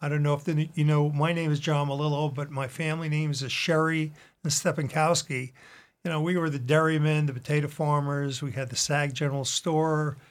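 A man in his seventies with a somewhat high-pitched voice, speaking as an old veteran remembering. He is a guest from Long Island, telling his own story in an interview. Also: level tone, a little fast. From Long Island, New York, USA. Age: 70s. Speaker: guest, retired veteran and painter. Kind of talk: personal recollection in a radio interview.

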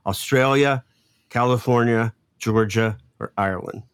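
A man's voice: medium pitch, unhurried, clean tone, dry recording. A middle-aged man hosting a casual family trivia quiz, hurrying along and chatty. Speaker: quiz host.

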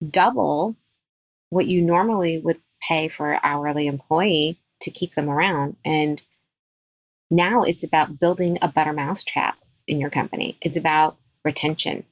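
Speaking at a normal speed, a woman dentist offers emphatic advice as a guest in a podcast interview. Her voice is somewhat low, and the recording is close and dry with no room echo.

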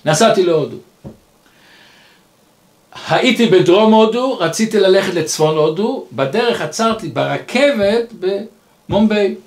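A man's voice: high voice, animated, long pauses. A man voicing a distraught young male kibbutznik who pleads emotionally as he tells his story. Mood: pleading. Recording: roomy echo.

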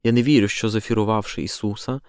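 A man voicing a calm, doubting apostle. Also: on the low side, smooth, dry recording, studio quality, natural voice. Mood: reflective. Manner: calm, measured, reflective.

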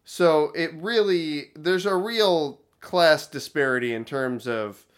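A man co-hosting a podcast, talking in a wry, analytical, deadpan way in casual chat about a cartoon episode. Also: fairly high pitch, slow pace, clear, resonant tone. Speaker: podcast co-host.

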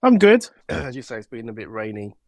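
A man with a London accent and a slight sore throat, answering interview questions thoughtfully with many pauses and fillers. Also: mid-range voice, very animated, darkish tone, dry recording. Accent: London English. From England. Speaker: composer guest.

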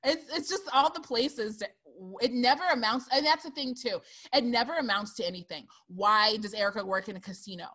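A woman co-hosting a casual movie discussion, animated and sarcastic, laughing often as she talks. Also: on the high side, brisk, hardly any pauses, slightly rough. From lives in Burbank, Los Angeles area. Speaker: podcast co-host.

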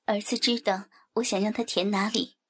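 A woman narrating a story in a soft, breathy, half-whispered voice. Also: mid-range voice, steady tone, normal speed. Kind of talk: whispered erotic story reading.

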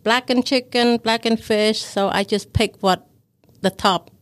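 A woman from Thailand who runs a restaurant, answering interview questions politely in halting, simple English. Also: a little high, fairly even intonation, no echo. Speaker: food court restaurant owner. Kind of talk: interview guest.

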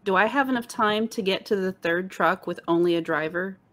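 A woman's voice: medium pitch, a little fast, fairly bright tone. A woman playing a tabletop role-playing game, chatty and matter-of-fact as she asks about the scene and rolls dice. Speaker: player. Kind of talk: casual tabletop game play.

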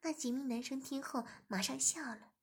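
A woman narrating an erotic audio story in a soft, half-whispered manner. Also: high-pitched, moderate pace, breathy edge.

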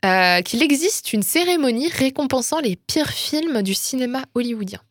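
A woman's voice: high voice, lively intonation, normal speed, no echo. A woman presenting a culture segment in a casual radio chat, talkative, joking at her own expense and laughing often. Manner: chatty, laughs often, self-mocking. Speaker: culture columnist.

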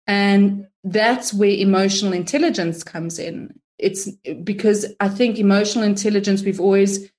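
A woman, a guest in a casual interview, talking in a chatty, animated way and acting out her own inner thoughts. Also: medium pitch, moderate pace, hardly any pauses. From South Africa.

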